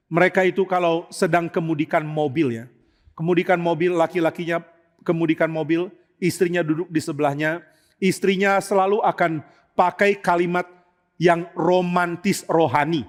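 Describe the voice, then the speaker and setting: A middle-aged male pastor preaching a storytelling sermon with humor, acting out dialogue in different voices. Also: fairly high pitch. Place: church hall. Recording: long church hall reverb.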